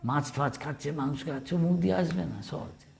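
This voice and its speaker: A monk telling homely stories in a relaxed devotional class, teasing listeners by name and searching aloud for words. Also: male voice, fairly high pitch, fast talker, vocal fry. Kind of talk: informal sermon with folksy stories.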